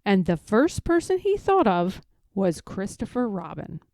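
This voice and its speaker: A woman reads a children's story aloud with expressive, widely varied intonation. She takes her time over each phrase. Her tone is soft and mellow, in a dry, close recording. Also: mid-range voice, measured pace, dry recording.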